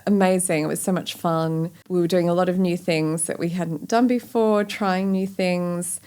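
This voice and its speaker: A middle-aged Australian woman, a company founder, reflects candidly in an interview, chatty and full of fillers like "you know" and "like." Her voice sits on the low side, smooth and darkish, with fairly even intonation at normal speed.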